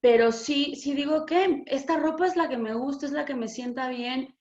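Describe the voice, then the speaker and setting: A woman's voice: sits high, normal speed. Frank Mexican woman, echoey room. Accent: Mexican Spanish. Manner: frank, expressive, swears freely. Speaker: spiritual channel host. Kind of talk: casual spiritual talk. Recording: echoey room, dull lo-fi sound.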